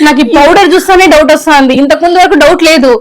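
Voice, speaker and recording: A woman's voice: high voice, rapid-fire, lightly acted. A woman playing an outraged sister-in-law. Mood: accusing. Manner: accusing, demanding, threatening. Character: indignant young sister-in-law confronting her brother-in-law. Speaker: comedy skit actor. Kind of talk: home comedy skit acting.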